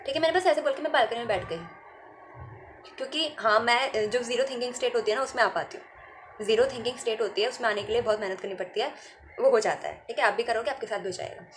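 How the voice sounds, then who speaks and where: A woman telling a personal spiritual story in a casual, frank vlog, often dropping in a quick "okay" and laughing easily. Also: on the high side, slight background noise. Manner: laughs easily while talking. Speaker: spiritual content creator.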